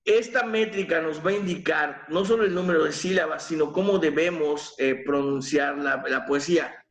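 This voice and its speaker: A man teaching an online literature class, explaining slowly and patiently, with fillers and self-corrections. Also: a little high, fairly bright tone. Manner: slow, explanatory, counting syllables aloud with fillers and self-corrections. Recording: echoey room.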